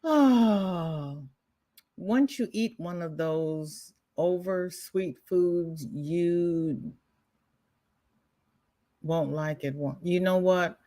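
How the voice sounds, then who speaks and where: A woman from the American South hosts a crochet livestream, chatting casually, rambling, and reading out viewer comments. Her voice is on the low side and warm, extremely slow, with frequent pauses. She sounds congested and keeps interrupting herself with repeated restarts.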